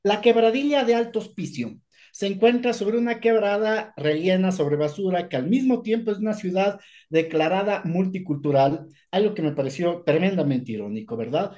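A man's voice: high-pitched, a little mellow. A man hosting an academic podcast in a casual, joking way, with many fillers. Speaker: podcast host.

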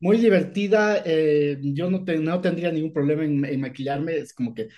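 A man's voice: on the high side, moderate pace, a loud crowd. A man hosting an academic podcast in a casual, joking way, with many fillers. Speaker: podcast host.

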